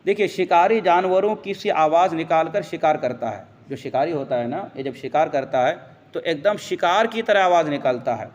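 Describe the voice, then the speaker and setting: A man's voice: a little high, expressive, long reverb tail, dull audio. A man giving a religious lesson who explains step by step, quotes Arabic verses and answers his own questions. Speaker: religious teacher.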